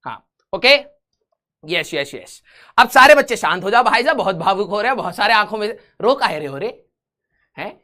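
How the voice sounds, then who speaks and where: During a live online physics lesson, a man teases his class with jokes and banter, switching to English to read the questions. His high-sitting voice is animated, pushed and bright, moving at normal speed with frequent pauses.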